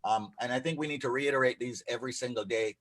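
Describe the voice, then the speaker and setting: A man co-hosting a live legal radio show, joking in lively banter. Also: mid-range voice, fast talker, slight background noise. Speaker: co-host, immigration attorney.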